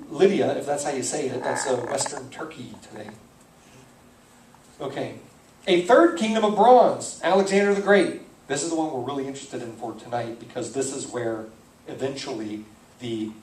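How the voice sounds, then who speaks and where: A man's voice: medium pitch, roomy sound, distant mic, a little hiss or hum, rough recording. A man as a pastor teaching the Bible verse by verse in a conversational manner, stopping to puzzle over names and correct himself. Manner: conversational, thinks aloud, self-correcting on names.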